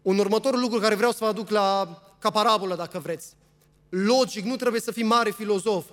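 A man's voice: sits high, a bit bright, soft background music. A man preaching a sermon in a church, reading scripture aloud and earnestly putting questions to the congregation. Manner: reads scripture aloud at length. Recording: long hall reverb.

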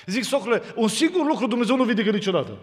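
A man preaching a testimony sermon, moving from quiet somber storytelling to loud fervent proclamation. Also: extremely high pitch, animated. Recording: long hall reverb.

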